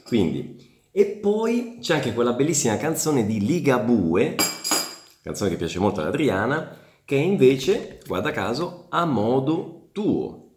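Chatty Italian teacher, echoey room. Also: male voice, medium pitch, very animated, a little slow, a little mellow, a little hiss or hum. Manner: chatty, checks in with frequent tag questions. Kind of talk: casual online language lesson. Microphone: camera.

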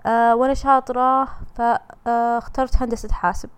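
A woman's voice: fairly high pitch, little pitch movement, fairly quick, clear, resonant tone. A young Saudi woman with a Gulf accent, hosting a casual solo podcast and chatting in a teasing, comforting way. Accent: Saudi Gulf Arabic. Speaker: podcast host reading listener messages.

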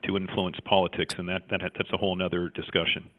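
Over a tinny, phone-like line, a middle-aged cardiologist born in Jamaica and raised in Canada answers interview questions thoughtfully. His voice is low and level and he talks fast, though his answers are full of fillers and restarts.

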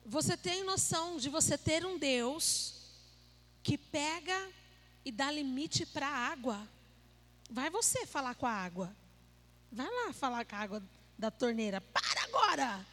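A woman with a bright, high voice preaches a sermon. She keeps it playful and conversational, teasing her listeners and asking them questions as she goes. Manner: playful and conversational, jokes with the audience.

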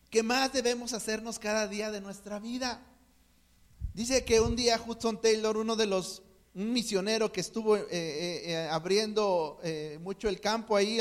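Mexican male preacher, very high pitch, earnest sermon delivery with restarts. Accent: Mexican Spanish. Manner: earnest, repeats words while searching for them.

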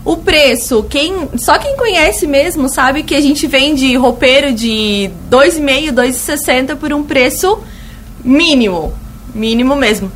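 A woman with a high-pitched, thin and reedy voice that sounds slightly cracked. She talks colloquially as a store representative in a radio interview, repeating points for emphasis, with faint noise behind her. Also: animated, a little slow. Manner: colloquial, fond of diminutives and emphatic repetition. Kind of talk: conversational promotional interview. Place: radio studio.

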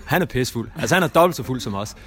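A man's voice: mid-range voice, lively intonation, fairly bright tone. A young man casually telling a rambling anecdote as a guest, with lots of fillers and restarts. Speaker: guest storyteller.

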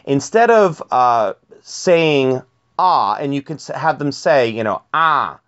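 A man's voice: mid-range voice, lively intonation, takes it slowly, clean tone, muffled recording. A man giving a spoken workshop on teaching young singers, explaining step by step with fillers and repeated words. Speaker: vocal pedagogy teacher.

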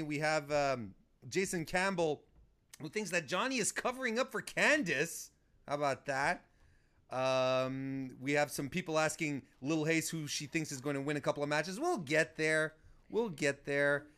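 An upbeat man hosting a casual wrestling preview show. His voice is a touch high and he keeps the talk moving with questions and excitement. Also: normal speed. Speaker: host.

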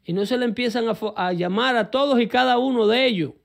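A man giving animated, casual political commentary over news clips, repeating words as he goes. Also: extremely high pitch, quick pace, gravelly.

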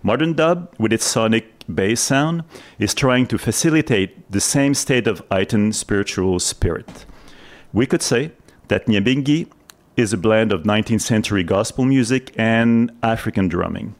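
A man's voice: on the low side, animated, normal speed. A man hosting a live radio show, explaining his subject earnestly in a semi-scripted narration. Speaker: radio host.

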